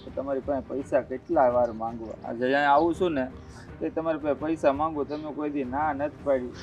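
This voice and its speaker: A man's voice: medium pitch, steady tone, brisk, muffled recording, close to an everyday voice. A man playing a poor, self-pitying man who begs relatives for money in a rural family drama. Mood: pleading. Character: poor, pleading middle-aged man.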